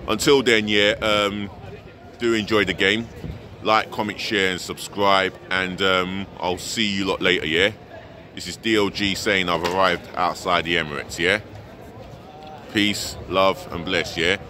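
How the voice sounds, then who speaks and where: Frank, bright-voiced male football vlogger. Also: low-pitched, steady tone, a little slow, slight background noise. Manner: frank, exasperated fan venting about his team. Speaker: football fan vlogger, host. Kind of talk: pre-match vlog to camera. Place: outdoors by a large stadium, city plaza. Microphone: handheld camera at arm's length.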